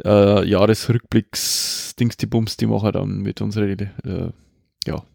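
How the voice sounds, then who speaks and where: A man's voice: fairly low pitch, level tone, a little slow, gravelly, a little mellow, dry recording. Hesitant man, dry close sound. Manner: rambling, hesitant with many fillers. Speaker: podcast co-host. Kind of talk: casual chat.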